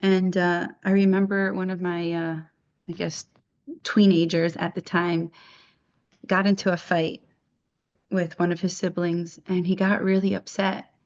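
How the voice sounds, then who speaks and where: A middle-aged woman telling her own story in a halting, reflective way, often restarting her sentences. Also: on the low side, flat delivery, darkish tone, muffled recording. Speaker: interviewee sharing her story. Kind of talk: personal testimony.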